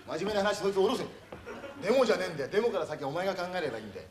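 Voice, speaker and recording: An actor playing a gruff middle-aged TV production boss who berates his staff roughly and throws in insults all the time, in a stage comedy monologue. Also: sits high, sing-song, very fast. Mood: scolding. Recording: echoey stage recording from far off, noisy.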